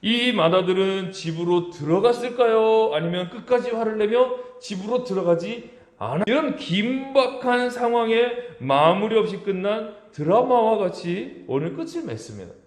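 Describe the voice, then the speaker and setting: Pastor guy preaching, acts out the quotes, really animated, roomy echo. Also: normal speed. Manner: acts out quoted voices with big pitch swings. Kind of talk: sermon. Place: church sanctuary.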